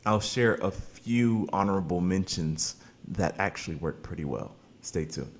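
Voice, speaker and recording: Hyped deep-voiced man pitching to viewers. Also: expressive, a little slow. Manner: hyped, salesy, addresses viewers as "baby" and "man". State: tired, recording late at night. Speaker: online marketing coach and channel host. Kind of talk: casual promotional talk to camera.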